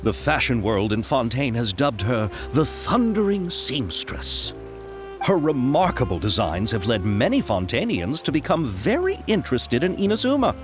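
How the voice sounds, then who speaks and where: For a video game, an actor plays an eager, courteous young film producer who talks at length and laughs nervously. His medium-pitched voice swoops wildly in pitch at a moderate pace, over soft background music.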